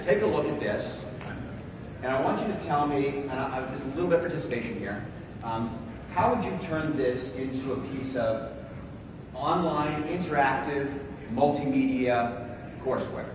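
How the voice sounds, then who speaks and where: Presenting at a conference in a large hall, this man has a big voice and a casual, filler-heavy style, often calling on the audience to respond. He sounds animated, medium-pitched and at normal speed, captured by a distant mic amid echo and room noise.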